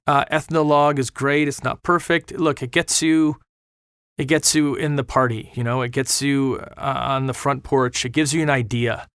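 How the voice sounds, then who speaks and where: In an earnest podcast conversation, a middle-aged missionary guest preaches with passion, hammering points home through repetition. His voice is medium-pitched, smooth and a bit bright, with a flat delivery at a moderate pace, and the studio recording has no echo.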